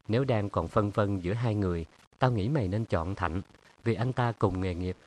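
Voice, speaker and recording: A man voicing a sharp-tongued young woman in an audiobook, teasing and sarcastic in tone. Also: on the low side, natural voice. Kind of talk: audiobook character reading.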